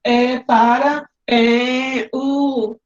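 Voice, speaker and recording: A Brazilian woman teacher with a high voice walks through her classroom activities step by step in an online lecture. Her call audio sounds roomy and a little muffled. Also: little pitch movement, extremely slow. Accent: Brazilian Portuguese. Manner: explains step by step with examples.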